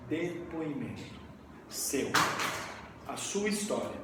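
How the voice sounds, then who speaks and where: A man in his thirties from Brazil, giving a lively live training talk and asking the audience questions. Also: mid-range voice, takes it slowly. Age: 30s. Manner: energetic, asks the audience questions. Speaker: network marketing trainer. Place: event room with audience. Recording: echoey hall, mic far off, faint hiss.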